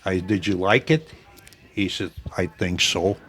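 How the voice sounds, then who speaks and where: A man's voice: low voice, unhurried, a bit bright. A man in his eighties, a gym owner, telling old stories in an interview. He rambles and keeps quoting what others said. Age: 80s. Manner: rambling, repeats "I says" while quoting others. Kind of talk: storytelling interview.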